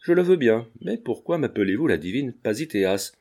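Male reader doing a naive young seamstress, timid and polite, lifted pitch, storybook. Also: big pitch swings, brisk, darkish tone. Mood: earnest.

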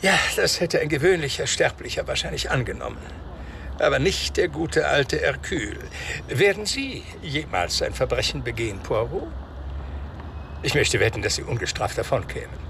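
Detective's doctor friend: creaky voice, wry and jovial radio dialogue amid outdoor traffic noise. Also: male voice, mid-range voice, very animated, moderate pace, fairly bright tone. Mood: teasing, admiring. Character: wry, admiring English doctor, the detective's companion. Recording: outdoor street noise with vehicles. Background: street ambience, vehicles.

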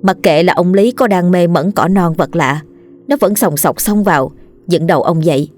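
A woman narrating a scripted horror story in a steady, measured reading. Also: lowish voice.

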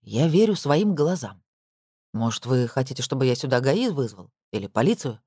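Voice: medium pitch, very animated, a little mellow, slightly rough, no echo, voice pushed down. A narrator doing a weary skeptical police captain. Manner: dry, laid-back, slow and reasoning.

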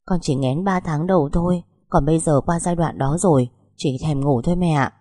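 Lady doing a tearful young wife, hesitant and pleading, husky low voice. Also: moderate pace, mellow, no echo, studio quality.

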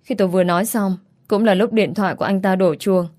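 Female audiobook narrator, steady first-person storytelling, mid-range voice. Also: mid-range voice, quick pace.

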